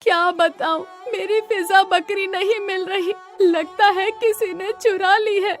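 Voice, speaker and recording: Woman voicing an older grandmother, cartoon, stubborn and loving, slow and pleading. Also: high-pitched, expressive, fairly bright tone. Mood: anguished. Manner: scolding, pleading. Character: old grandmother goat keeper, loving, stubborn. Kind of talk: cartoon voice acting.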